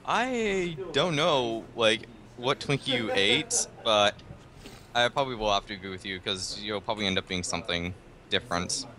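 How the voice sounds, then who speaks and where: A man's voice: fairly low pitch, lively intonation, normal speed, a crowd in the background. An easygoing American man chatting on a game stream. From United States. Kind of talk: casual chat on a game stream.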